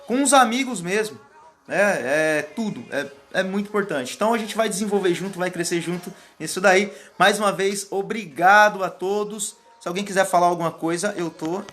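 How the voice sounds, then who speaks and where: A man's voice: sits high, normal speed, fairly bright tone. A man coaching public speaking on a casual live stream, rambling and thanking viewers by name as they join. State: sweating. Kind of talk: live stream chat, reading viewer comments. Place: indoors, warm room.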